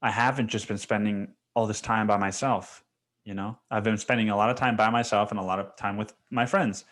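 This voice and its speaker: Talking fairly quickly in a lowish, fairly bright voice with fairly even intonation, a young man from Mexico hosts his podcast solo. The casual monologue wanders loosely, heavy on profanity, filler, and "dude."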